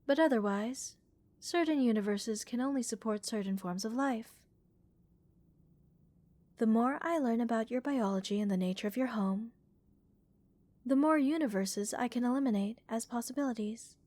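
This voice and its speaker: Lightly acted and fairly high-pitched, a woman voices a curious, calm alien scientist for a soothing ASMR roleplay, her delivery measured, clinical and gently reassuring. There's no echo, and the mood is thoughtful and measured.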